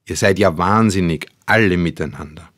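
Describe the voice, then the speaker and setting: A man's voice: low-pitched, normal speed, fairly bright tone. A man voicing an angry, defiant young woman. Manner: defiant, snapping.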